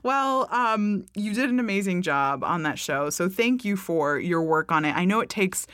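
A woman's voice: mid-range voice, expressive, moderate pace, fairly bright tone, dry recording, clean studio sound. A woman hosting a podcast interview, enthusiastic and gushing about her guest. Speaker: podcast host. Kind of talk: casual interview talk.

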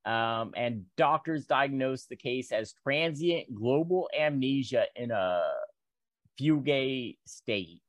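A man's voice: medium pitch, slow, no room sound. A man co-hosting a podcast, casually running through odd news stories with lots of ums and asides. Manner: rambling, filler-heavy news rundown. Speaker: podcast co-host. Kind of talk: casual chat.

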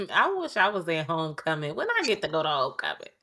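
A woman's voice: lowish voice, wildly swooping pitch, a little fast, sharp tone. A woman co-hosting a podcast in casual comedic chat, slangy and teasing in a conversational way. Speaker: podcast co-host.

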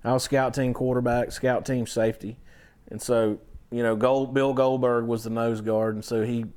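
A man's voice: medium pitch, little pitch movement, normal speed, a little mellow. A man in his fifties, a songwriter guest, telling stories in a rambling way full of fillers and restarts. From southern Georgia, US. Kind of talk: casual storytelling chat.

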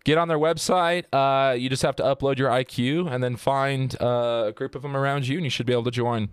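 A man talks through a true-crime case on a podcast in loose, joking, profane chat. His voice is smooth and clear, and the recording is dry and close. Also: mid-range voice, steady tone, fairly quick, no room sound. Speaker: podcast host.

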